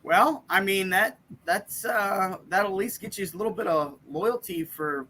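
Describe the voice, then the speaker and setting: A man's voice: high-pitched, measured pace, pushed and bright, a little hiss or hum. A man co-hosting a casual comedy news chat, riffing and rambling. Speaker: comedian co-host.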